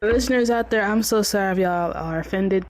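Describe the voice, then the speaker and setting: A woman's voice: medium pitch, a little fast, darkish tone. A woman co-hosting a podcast, chatting casually and playfully and speaking directly to the listeners. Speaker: podcast co-host. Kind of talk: casual chat.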